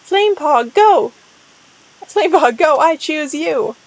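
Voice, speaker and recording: A woman voicing a young female warrior cat heroine, crying out in shrill, melodramatic lines. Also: lively intonation, slow, heavily acted, poor audio. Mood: anguished.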